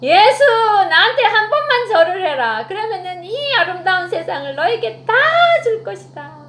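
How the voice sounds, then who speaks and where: A woman voicing a boastful male devil who taunts loudly and wails theatrically when beaten, in a children's Bible story. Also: very high voice, big pitch swings, moderate pace, pitched above the performer's own voice, heavily acted. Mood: taunting. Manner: loud, taunting, then theatrical wailing. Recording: echoey room with faint hum.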